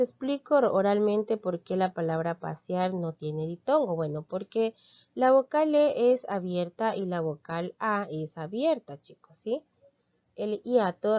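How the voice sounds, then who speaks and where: A woman's voice: medium pitch, mellow, lo-fi sound. A woman teacher working through a textbook lesson for children, patiently explaining step by step and checking in with her pupils as she goes. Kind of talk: classroom lesson walkthrough.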